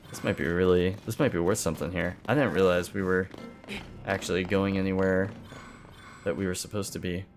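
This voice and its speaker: A man's voice: deep voice, steady tone, fairly quick, faint music behind. A man in his thirties chatting casually while streaming a game, rambling, muttering to himself, laughing and swearing now and then. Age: 30s. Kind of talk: casual livestream chat while playing.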